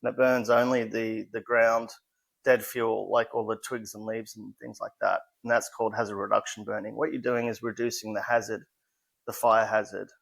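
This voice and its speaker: A man's voice: lowish voice, flat delivery, normal speed, vocal fry, fairly bright tone. A man in his forties with an Australian accent, a modest interview guest who explains things plainly with some hesitant restarts. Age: 40s. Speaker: guest, fire safety specialist. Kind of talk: casual interview chat.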